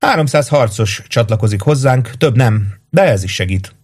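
A man's voice: mid-range voice, lively intonation, darkish tone, husky, voice pushed up. A man voicing a composed albino male warrior who speaks coolly and matter-of-factly.

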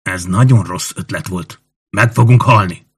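A gloomy, anxious young Roman legionary from an audiobook, grumbling under his breath, as a male narrator puts him on. The voice is fairly low and sits close to the reader's own. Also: slightly rough, heavily acted. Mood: fearful.

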